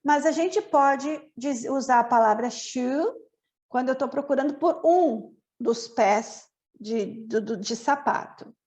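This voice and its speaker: Slow, high-voiced woman teaching English. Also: darkish tone. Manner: patient, repeats and spells out words. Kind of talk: bilingual English lesson.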